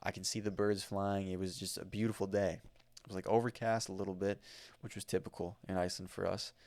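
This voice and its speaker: A man's voice: low voice, flat delivery, fairly quick, darkish tone, no echo. An American man hosting a solo podcast, talking casually about his travels with plenty of fillers and restarts into a microphone. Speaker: podcast host. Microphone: studio microphone.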